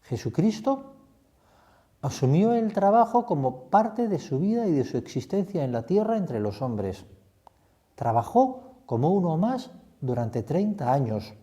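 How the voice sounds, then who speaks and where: Mellow priest. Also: male voice, fairly high pitch, big pitch swings, a little slow, muffled recording. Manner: reflective, poses many questions to the listener. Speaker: priest leading a retreat. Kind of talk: spoken retreat meditation.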